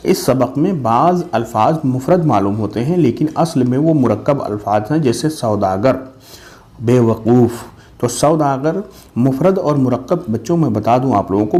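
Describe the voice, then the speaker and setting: A man teaching children a school lesson, reading the story aloud and then explaining word meanings slowly and patiently, often checking in with "theek hai". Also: medium pitch, dark tone. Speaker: Urdu teacher.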